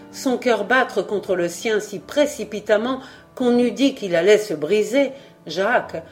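A woman narrating a novel aloud in a measured, even storytelling voice. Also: medium pitch. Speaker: audiobook narrator. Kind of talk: scripted narration.

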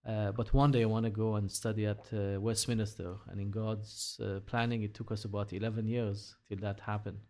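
A man's voice: lowish voice, flat delivery, a little mellow. Earnest middle-aged Israeli man. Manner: earnest, many "uh" pauses. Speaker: interview guest. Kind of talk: conversational interview.

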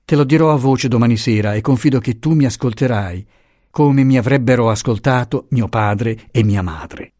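A man voicing a young husband reading out his earnest letter to his grandmother, in a hushed tone. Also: medium pitch, normal speed, no echo, studio quality, natural voice.

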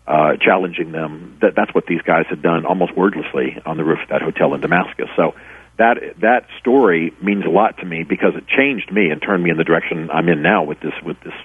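A man's voice: low voice, a little fast, husky. A middle-aged man, an author and former pastor, telling stories earnestly in a radio interview with many restarts. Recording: tinny phone line, dry.

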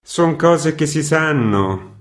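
A man's voice: fairly high pitch, animated, takes it slowly, voice pushed up. A man doing a curt, mocking prankster. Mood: scornful. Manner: curt and dismissive. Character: blunt, mocking male prankster worker.

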